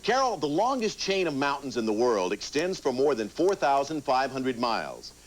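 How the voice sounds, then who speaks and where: A man's voice: medium pitch, big pitch swings, moderate pace. A man hosting a game show, talking conversationally to contestants and reading out questions. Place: television game show studio with audience. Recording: TV studio sound with audience noise.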